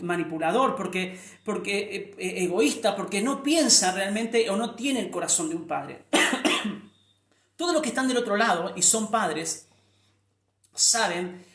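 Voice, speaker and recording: A man's voice: high-pitched, fairly bright tone, roomy sound. A middle-aged man preaching a sermon, earnest, often repeating words and restarting before lifting his voice on key phrases.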